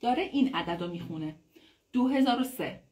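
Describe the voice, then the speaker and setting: A woman who speaks Persian natively, giving a casual English lesson, explaining in a chatty way and saying English phrases slowly and clearly. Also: on the high side, expressive, a little mellow. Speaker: English teacher. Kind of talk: casual online language lesson.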